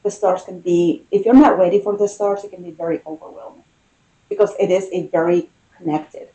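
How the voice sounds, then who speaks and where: A tarot reader talking in an intimate, conversational style, musing in short phrases with pauses between them. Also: medium pitch, steady tone, warm tone, highs cut off.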